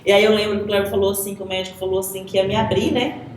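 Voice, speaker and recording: A woman's voice: medium pitch, fairly even intonation, very fast. A young woman from Goiás, Brazil, giving an earnest personal testimony as an interview guest, full of "assim" and "sabe". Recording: echoey room.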